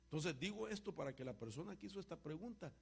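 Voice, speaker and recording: A man preaching and answering a question with a personal testimony, an emotional storyteller whose voice swings from loud to hushed. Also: on the high side, expressive, fast talker, gravelly, breathy edge. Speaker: apostle answering congregation questions.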